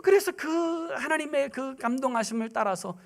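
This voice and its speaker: A male guest pastor preaching a Sunday sermon in a church, telling stories emphatically and swinging between loud declarations and hushed near-whispers in a rhythmic, repetitive cadence. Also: very high-pitched, animated, normal speed, creaky. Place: church sanctuary.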